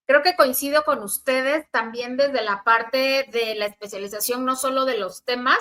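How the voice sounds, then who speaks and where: A woman's voice: sits high, moderate pace, bright, forceful tone. A woman who works in public relations, giving earnest advice on a podcast with a few restarts. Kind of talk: podcast conversation.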